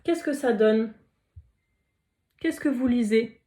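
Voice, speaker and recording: A woman's voice: fairly high pitch, takes it slowly, dark tone. A woman teacher giving a recorded phonics lesson to young children, carefully sounding out letters and syllables and praising the listeners often. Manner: encouraging, praising.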